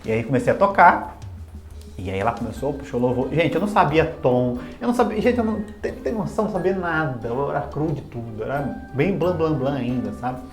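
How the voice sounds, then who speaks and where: Um homem, professor de música, contando de forma descontraída e bem-humorada uma história pessoal, zombando de si mesmo. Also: male voice, a little high, brisk. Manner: animated, self-mocking and humorous. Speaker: music teacher. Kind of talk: casual personal storytelling. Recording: echoey room with faint music.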